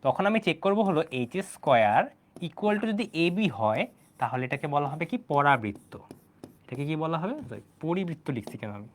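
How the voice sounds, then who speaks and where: A man's voice: a little high, animated, brisk. A young man teaching math in an online lecture, chatty and asking his students questions as he goes. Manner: chatty, talks straight to students, asks them questions. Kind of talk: online exam-prep lecture.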